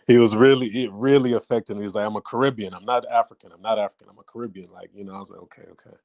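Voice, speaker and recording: A man's voice: on the low side, fairly even intonation, rapid-fire, darkish tone, dry recording. A man hosting a casual interview, asking loose, filler-heavy questions in a laid-back way. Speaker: host interviewer.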